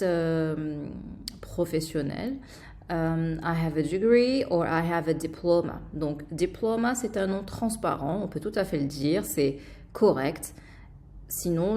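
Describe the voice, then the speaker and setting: A woman's voice: lowish voice, a little mellow. A woman teaching English in an online lesson, explaining patiently with fillers and repeated examples.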